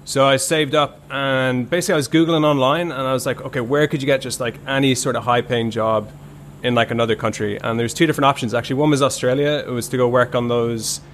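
A man's voice: mid-range voice, fast. Man, thirties, podcast guest, rambling casual storytelling, lots of fillers, faint background hiss. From Ireland. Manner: relaxed, rambling, many "like" fillers.

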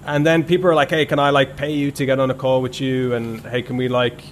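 A man's voice: medium pitch, brisk. A man, in his thirties, chats at an easy pace as a podcast guest. His talk rambles loosely and is full of "like" and small restarts. A faint hiss of noise sits under his voice. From Ireland. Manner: relaxed, rambling, many "like" fillers. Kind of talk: casual conversational storytelling.

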